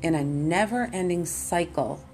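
A woman leading a guided meditation as host and teacher, in a calm, soothing, meditative manner. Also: on the low side, a little slow. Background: plucked guitar music.

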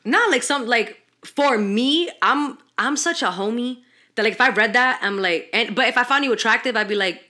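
A young woman chatting casually and candidly as a podcast guest, animated, slangy and swearing freely. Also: on the high side, normal speed.

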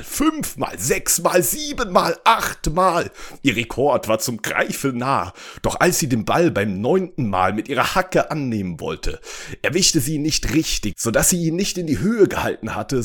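A man, a podcast host, reading a parody fairy tale with animated narration and deadpan asides. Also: fairly low pitch, husky.

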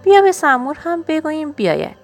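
Friendly male bear, voiced by a woman reader, cheerful, coaxing, high lively voice. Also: faint music behind. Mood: eager.

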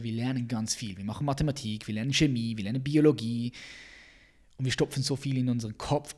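A man giving an intense motivational monologue as a personal growth coach, jumping from loud bursts to hushed whispers. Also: mid-range voice, husky.

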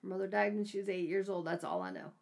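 A woman's voice: mid-range voice, sing-song, fast talker, gravelly, darkish tone. A woman co-hosting a casual book discussion, talking hesitantly and trailing off with fillers. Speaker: book podcast co-host.

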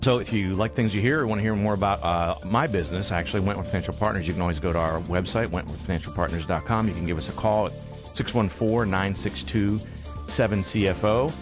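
A man's voice: low voice, fast, music in the background. A man hosting a business radio interview in an informal, rambling conversational way. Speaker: radio business show host.

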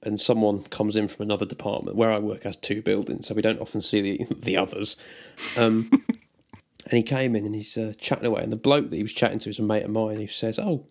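A man's voice: on the low side, steady tone, brisk, darkish tone. A young British man co-hosting a podcast, ranting sardonically and swearing often. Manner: sweary, sardonic ranting with mocking put-on quotes. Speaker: podcast co-host. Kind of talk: casual chat.

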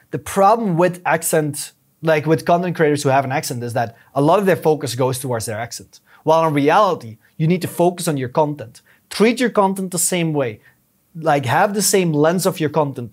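Male podcast guest, a touch high-pitched, earnest explainer with frequent restarts. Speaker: podcast guest, YouTube strategist. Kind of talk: casual conversational interview.

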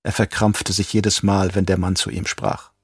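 A man calmly narrating an audiobook in German. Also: sits low, moderate pace, husky, no echo. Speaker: audiobook reader. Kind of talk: scripted narration. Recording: dry close recording.

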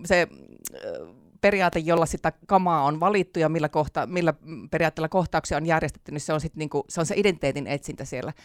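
A speaker of middling pitch chats easily as an interview guest, filling pauses with small hesitations and breaking into laughter often. The voice sits close and dry, with no room around it. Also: animated, clear, resonant tone, no room sound. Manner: chatty, many fillers, laughs often. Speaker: author and theatre teacher, interview guest. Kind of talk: casual interview chat.

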